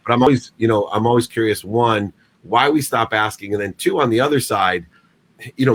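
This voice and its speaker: A man's voice: fairly low pitch, a bit bright. A man co-hosting an interview show, talking in a reflective, conversational way. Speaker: co-host. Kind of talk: casual interview talk.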